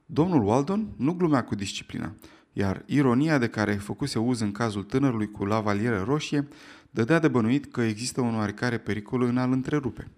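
A man narrates an audiobook at a middle pitch. His storytelling is steady and even. He keeps the telling calm through the story.

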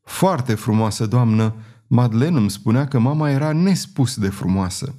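A man's voice: mid-range voice, lively intonation, dark tone, close to an everyday voice. A man voicing a timid, tearful young girl who speaks hesitantly and shyly, in a storybook reading. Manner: hesitant, trembling, shy.

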